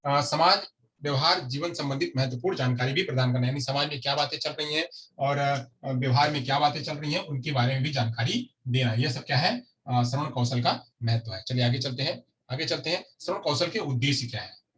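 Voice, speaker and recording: A man's voice: medium pitch, a little fast, fairly bright tone. Man teaching from a distant mic. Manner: repetitive, asks and answers his own questions. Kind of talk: explanatory lecture. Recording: distant mic with faint noise.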